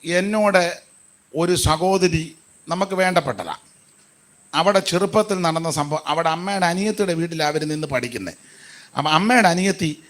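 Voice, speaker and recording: A man preaching a sermon in an animated way, rising to shouts and dropping to soft asides. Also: a little high.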